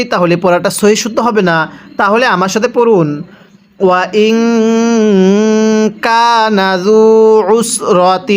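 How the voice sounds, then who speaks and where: A man with a Bangladeshi accent teaching Quran reading, explaining briskly in Bengali and reciting Arabic slowly and drawn out for students to repeat. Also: high-pitched, fairly bright tone, clean tone.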